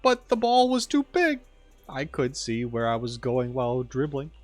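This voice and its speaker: A man's voice: medium pitch, big pitch swings, moderate pace, dry recording, faint music behind, pitched below the performer's own voice, lightly acted. A man voicing a timid, clumsy male robot soccer player who makes excuses. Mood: excuse-making. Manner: meek, apologetic, making excuses.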